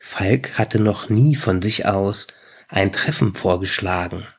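Slow gravelly male narrator. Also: sits low. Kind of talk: audiobook narration.

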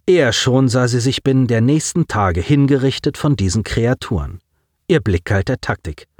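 A man's voice: mid-range voice, animated, normal speed, darkish tone, dry recording, clean studio sound. A man reading a science-fiction audiobook with dramatic narration.

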